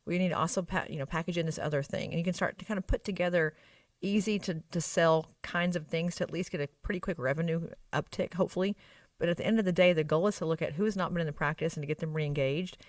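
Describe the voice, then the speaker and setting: Southern lady from arkansas talking quick like an expert guest, emphatic, bit off the mic, dry sound. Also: lowish voice, dry recording, distant mic. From Arkansas, United States. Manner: emphatic and explanatory, with frequent tag questions. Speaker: guest expert on medical spa practice operations. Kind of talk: conversational expert interview answer.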